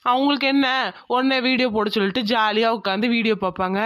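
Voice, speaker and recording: A woman's voice: on the high side, fast, a bit bright, no echo, studio quality, lightly acted. A woman voicing a worried young husband who pleads in exasperation in a cartoon. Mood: pleading. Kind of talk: cartoon voice acting.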